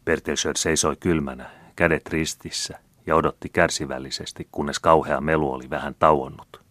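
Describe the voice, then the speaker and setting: Man, audiobook narrator, very deep voice, measured steady reading, dry close recording. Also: dry recording. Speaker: audiobook reader. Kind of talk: audiobook narration of a classic novel.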